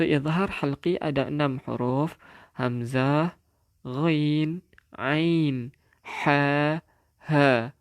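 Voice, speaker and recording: A man teaching a live online Quran reading class, patiently repeating points and reciting Arabic slowly. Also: mid-range voice, gravelly, no room sound, studio quality.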